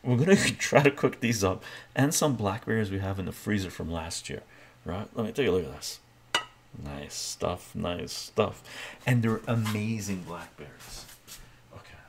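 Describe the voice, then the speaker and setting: An older man chats softly in his kitchen in front of a webcam, his low voice carrying a gravelly edge. He is a relaxed live streamer who answers viewers one by one and keeps checking in with "right?". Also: moderate pace, background noise. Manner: relaxed, reads viewer comments aloud, often tags on "right?". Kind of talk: soft-spoken casual live-stream chat. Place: home kitchen, indoors. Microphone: webcam framing at the counter.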